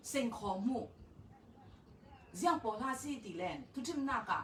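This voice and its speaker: A woman counselor speaks in an unhurried, measured, reassuring way. Her voice comes from some distance off the mic in a roomy, echoing space. A faint noise hums underneath. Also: high-pitched, big pitch swings. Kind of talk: calm informational talk.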